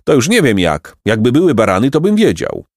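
A man's voice: medium pitch, wildly swooping pitch, fairly quick, no echo, clean studio sound, voice pushed up. A man voicing a cheerful, good-natured peasant who talks in a hearty, simple-hearted, laughing way, in a storybook reading.

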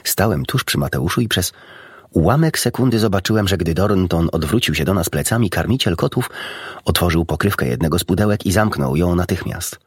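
A man narrating a children's storybook in a steady, even-paced reading. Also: deep voice, brisk, husky, no echo, studio quality. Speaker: audiobook narrator.

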